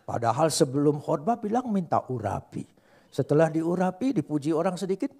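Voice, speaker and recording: Older guy preaching, gravelly husky voice, gets loud and teasing the crowd. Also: fairly high pitch, a little fast. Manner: animated preaching with sudden loud rises and playful teasing of the congregation. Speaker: pastor. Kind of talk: sermon.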